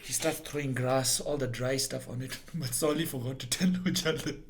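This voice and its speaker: A man's voice: medium pitch, fairly even intonation, moderate pace, slight background noise. A young man co-hosting a casual podcast, rambling through stories with frequent restarts and laughs. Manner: rambling storyteller, laughs mid-sentence, restarts often. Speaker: podcast co-host. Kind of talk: casual chat.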